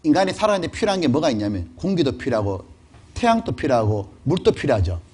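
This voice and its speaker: A middle-aged male pastor giving a lively, conversational sermon and often putting questions to his congregation. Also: mid-range voice, fast, breathy edge.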